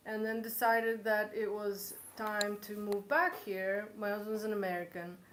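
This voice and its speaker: A woman's voice: mid-range voice, little pitch movement, a little slow, a bit bright, a little hiss or hum. A woman in her forties from Poland, hosting a live cooking show Q&A, chatty and joking, laughing often. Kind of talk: live-stream Q&A chat. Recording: echoey room.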